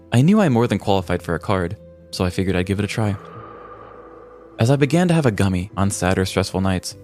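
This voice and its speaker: Low-leaning and a little mellow, this man's voice belongs to a comedy podcast co-host from the American Midwest. He spins stories with a dry, wry wit, shifting between loose comic podcast talk and scripted storytelling.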